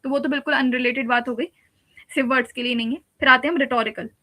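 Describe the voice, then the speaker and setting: A woman's voice: high-pitched, fairly even intonation, fast talker, bright, forceful tone. A woman teacher giving a patient exam-prep lecture, explaining step by step with repeated examples. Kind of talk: exam-prep lecture mixing Hindi and English.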